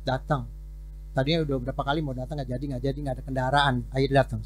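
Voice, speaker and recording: A man, a pastor, giving an informal sermon to his congregation, often repeating words and swinging between loud and soft. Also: medium pitch, little pitch movement, very fast. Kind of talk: conversational sermon.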